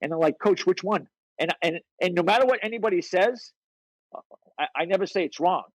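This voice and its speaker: A man who works as a fitness coach, telling stories as a podcast guest in a blunt, profane, animated way. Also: high voice, brisk, dry recording, low-quality recording. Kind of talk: casual interview storytelling.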